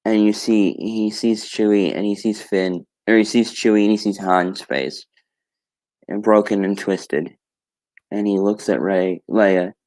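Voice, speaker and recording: A male streamer with a somewhat low voice talks through a story in a loose, casual monologue. He rambles, doubles back on his words and corrects himself, with the odd offhand curse. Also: a little mellow. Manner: rambling, many restarts and self-corrections.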